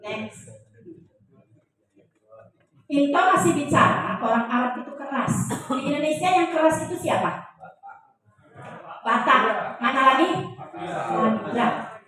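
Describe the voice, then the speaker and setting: A woman's voice: sits high, lively intonation, slow, long pauses, fairly bright tone. A woman lecturer teaching a class in a joking way, quizzing her audience with questions. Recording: very echoey room, voice heard from a distance.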